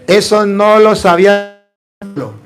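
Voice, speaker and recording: Emphatic higher-voiced priest preaching. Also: male voice, a little slow, soft background music. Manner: emphatic, asks the audience rhetorical questions, jokes. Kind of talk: preaching sermon.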